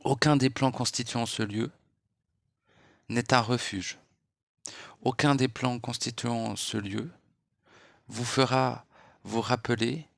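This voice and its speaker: A man giving a late-night spiritual monologue in a hushed, unhurried voice, lecturing and posing rhetorical questions. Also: mid-range voice, creaky, no echo, clean studio sound. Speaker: spiritual speaker.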